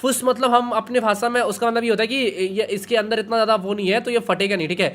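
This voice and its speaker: Brief: male streamer, fairly high voice, loose and chatty, lots of tag questions. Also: steady tone, fast, a bit bright. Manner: chatty, keeps adding "okay?" tags. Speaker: streamer reacting to a video. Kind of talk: casual chat.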